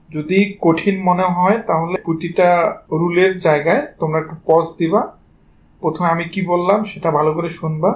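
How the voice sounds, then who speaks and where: A Bengali man with a high voice and a Bangladeshi accent teaches pronunciation, addressing his students informally and directly. Each word gets spelled out letter by letter before he says it. The recording is muffled, with a little hiss or hum.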